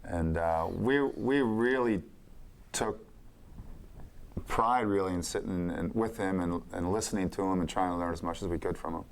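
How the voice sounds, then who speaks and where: A man with a very deep voice recalling old teammates in a plain, steady way. Faint noise sits under the recording. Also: moderate pace, vocal fry. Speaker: former hockey player. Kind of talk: reminiscing conversation.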